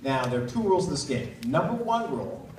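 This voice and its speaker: A man's voice: mid-range voice, big pitch swings, fast. A man hosting a live stage hypnosis show, asking volunteers simple coaxing questions as if to small children and repeating their answers back. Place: live stage before an audience. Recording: very echoey hall, distant, loud noise.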